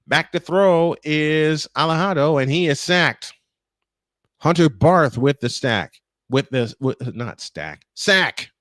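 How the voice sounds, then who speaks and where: Excitable man calling football play-by-play. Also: a little high, dry recording. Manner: rising excitement on big plays, quick self-corrections. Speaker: play-by-play announcer. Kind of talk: play-by-play commentary.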